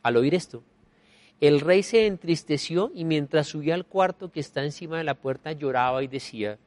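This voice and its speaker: A male pastor delivering a sermon in a somewhat high voice, pressing his points with sudden rises in loudness before dropping back to a quiet tone. He returns to short refrains to drive each point home, and the sound is close and dry with no room echo. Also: expressive, moderate pace. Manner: emphatic preaching with wide swings in loudness; repeats key phrases as rhetorical refrains.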